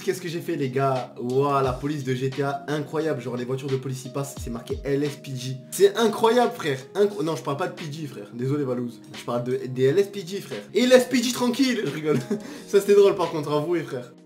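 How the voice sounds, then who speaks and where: A man's voice: a little high, a little mellow. A young man telling travel stories in a casual vlog, slangy and jokey, with exaggerated asides. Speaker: vlogger.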